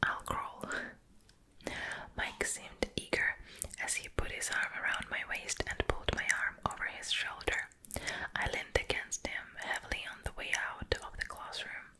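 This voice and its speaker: A woman reading a novel aloud in a whispered role-play for ASMR, with a slow, gentle unvoiced whisper on a close microphone that moves from ear to ear. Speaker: ASMR creator. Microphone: close ear-to-ear ASMR mic.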